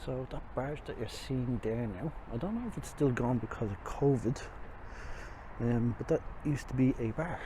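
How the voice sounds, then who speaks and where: Speaking at a normal speed with an animated, medium-pitched voice, an Irishman wears a face mask while offering rambling, self-mocking walking tour commentary. He's outdoors on riverside city streets, and the clip carries plenty of traffic and vehicle noise.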